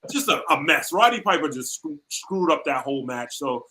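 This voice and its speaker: A man's voice: fairly high pitch, expressive, fairly quick, pushed and bright. A man on a podcast panel, giving his opinions in a casual, wry way.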